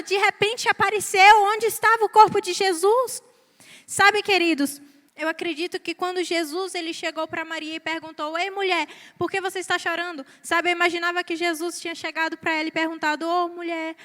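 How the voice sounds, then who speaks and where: High, bright-voiced Brazilian woman preaching. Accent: Brazilian Portuguese. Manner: earnest, repeats "sabe, queridos" to the congregation. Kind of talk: sermon. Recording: hall reverb.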